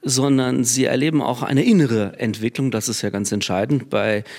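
Gravelly male radio host. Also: medium pitch, darkish tone. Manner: moderating, measured. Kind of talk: radio book discussion.

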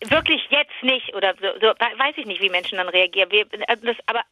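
A woman co-hosting a podcast in casual chat, talking in quick restarts and swearing for effect. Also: mid-range voice, fairly even intonation, no echo, dull audio. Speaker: podcast co-host.

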